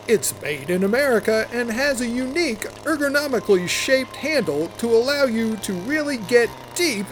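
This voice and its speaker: A woman reading a mock commercial voice-over in a bright, salesy announcer manner. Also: on the high side, a little hiss or hum.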